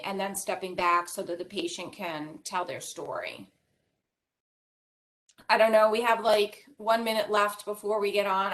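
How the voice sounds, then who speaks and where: A woman physician moderating a webinar panel over a video call, speaking in a reflective, measured way. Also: mid-range voice, a bit bright. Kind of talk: professional panel discussion.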